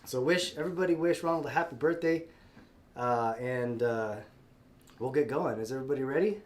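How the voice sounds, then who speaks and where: In a mid-range voice at a slightly fast clip, a man with a cold hosts a live-stream sale. His casual talk is friendly but wandering, with many fillers and restarts, and his nose sounds stuffed up.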